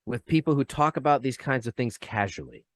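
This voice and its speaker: A man speaking as a guest on a podcast, animated, ranty and profane in casual chat. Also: medium pitch, fairly quick, dry recording.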